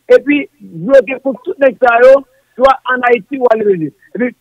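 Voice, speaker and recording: High-pitched fast-talking male commentator. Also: no room sound. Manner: rapid and repetitive, stumbling over words. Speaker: political commentator. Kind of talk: political call-in talk. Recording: dull, dry lo-fi audio.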